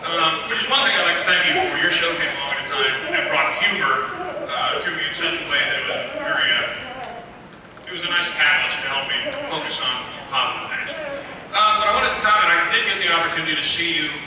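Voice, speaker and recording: A man's voice: on the high side, lively intonation, quick pace. A middle-aged man asking an earnest, hesitant question from the audience. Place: large convention hall. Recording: echoey hall, distant, background noise.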